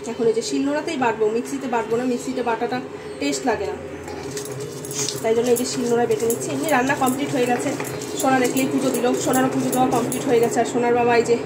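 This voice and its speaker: A woman's voice: sits high, heavy background noise. A woman in her thirties with a Bengali accent, chatting casually to her viewers in a family vlog, rambling and friendly. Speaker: family vlogger.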